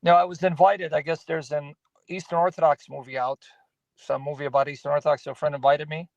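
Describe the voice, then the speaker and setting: A man's voice: on the high side, flat delivery, quick pace, gravelly, darkish tone, no room sound, dull audio. A man calling in to a video stream on his phone from a parked car, casually explaining Bible Greek terms. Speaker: guest on a livestream. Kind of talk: casual theological chat. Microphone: phone, not on a computer.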